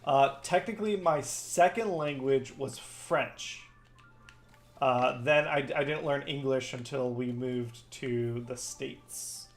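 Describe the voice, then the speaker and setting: A Farsi-speaking streamer hosts a gaming session and talks casually with his viewers by name, with soft music playing behind him. He speaks slowly at medium pitch.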